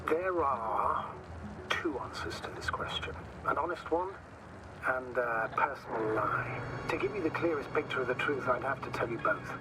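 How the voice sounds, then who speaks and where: An actor playing a calm space commander. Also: male voice, mid-range voice, normal speed, over music, natural voice, rough recording. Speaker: mission commander.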